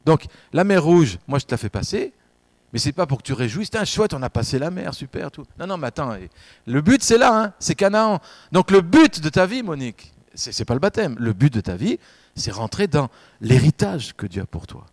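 A man preaching a baptism sermon, talking straight to his listeners, jumping between loud emphatic bursts and soft intimate asides. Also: on the high side, big pitch swings, moderate pace, dry recording. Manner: conversational, addresses listeners directly with filler tags. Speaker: pastor.

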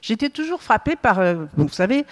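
Leading a Bible study group in a strongly echoing hall, a woman speaks a little fast in a high voice with wide pitch swings. She keeps questioning the group, frequently adding "hein?" and "hmm?"

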